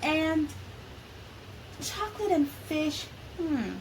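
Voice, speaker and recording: A woman's voice: high-pitched, expressive, drawn-out words, low-quality recording. Sniffly woman chatting over rain noise. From Belize. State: sniffly from allergies. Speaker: art channel host. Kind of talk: casual art vlog chat. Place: at home near a highway, rain on the house. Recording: home recording with rain and ambient noise. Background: rain, outdoor ambience.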